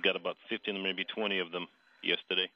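A man's voice: sits low, little pitch movement, fast. A man on a space mission radio loop, giving clipped procedural callouts as a radio operator. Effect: radio communication loop. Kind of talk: space-to-ground radio exchange. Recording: muffled radio feed with background chatter.

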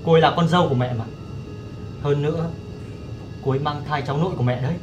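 A man's voice: on the high side, fairly even intonation, fast, dull audio, music in the background, lightly acted. An actor playing a stern young husband who scolds his younger brother in a TV drama. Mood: reproachful. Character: stern elder son and husband, young adult man.

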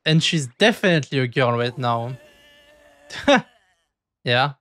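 A man's voice: mid-range voice, lively intonation, slow, fairly bright tone. A man streaming casual anime reaction commentary in short, offhand, chatty remarks. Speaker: VTuber streamer. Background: music from the show being watched.

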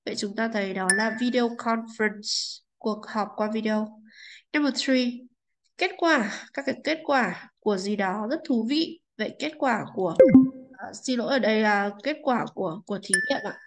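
Polite and speaking at an ordinary pace, a slightly high-voiced woman works through an English textbook lesson, repeatedly using little tag questions to make sure her students keep up. Background noise is audible.

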